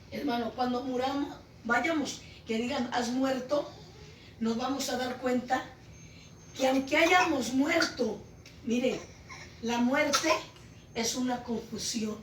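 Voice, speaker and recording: Woman preacher, Pentecostal testimony, shouts then hushes; recorded far off in a roomy space. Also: high voice, takes it slowly, pauses often, slight background noise. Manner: impassioned, swings between shouting and hushed. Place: church home meeting. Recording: echoey room, voice from far off.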